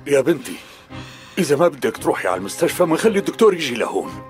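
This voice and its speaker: A man's voice: medium pitch, big pitch swings, racing, soft background music, lightly acted. A man with a Syrian accent acting a caring, fatherly older head of household in a dubbed television drama. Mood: alarmed. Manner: fatherly, solicitous.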